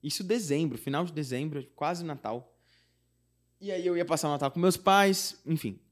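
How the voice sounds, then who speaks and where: A man's voice: a little high, moderate pace. A young Brazilian man, a singer-songwriter guest, telling a personal story in casual chat, acting out the dialogue with many fillers. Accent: Brazilian Portuguese. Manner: animated, acts out quoted dialogue; frequent fillers like "tipo" and "não sei o quê".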